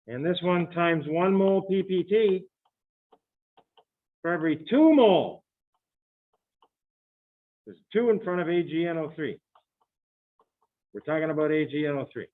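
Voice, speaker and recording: A male chemistry teacher lecturing a class, chatty, thinking out loud and firing questions at the room. His voice sits a little high for a man. The recording is thin and tinny, like a phone line. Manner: chatty, thinks aloud, quizzes students. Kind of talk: classroom lecture working problems.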